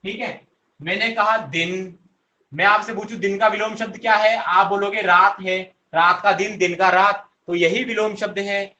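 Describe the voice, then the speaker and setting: A young male teacher with a high, bright voice leads an online grammar class. He coaxes his students, repeats his own questions and answers them himself. The sound bounces around an echoey room. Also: fairly even intonation, normal speed, muffled recording. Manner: coaxing, addresses students directly.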